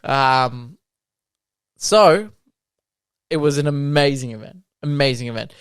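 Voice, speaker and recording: A man's voice: medium pitch, slow pace, clean tone, no room sound, clean studio sound. A man co-hosting a car podcast, chatting casually and enthusiastically, rambling with fillers. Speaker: podcast co-host. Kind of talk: casual chat.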